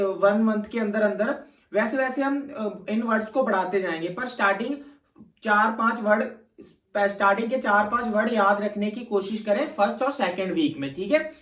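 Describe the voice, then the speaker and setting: A man's voice: extremely high pitch, echoey room, far from the mic. A man from Punjab with a voice, coaching students for an English exam in a patient classroom manner and often checking in with "theek hai". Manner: patient, repeats points, frequent "theek hai" check-ins. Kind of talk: classroom-style lesson.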